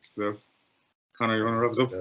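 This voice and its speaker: A man's voice: lowish voice, little pitch movement, fast, a bit bright. An Irish man hosting an online information call, chatty and often restarting his sentences. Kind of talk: casual chat. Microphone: video call. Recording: muffled video-call audio.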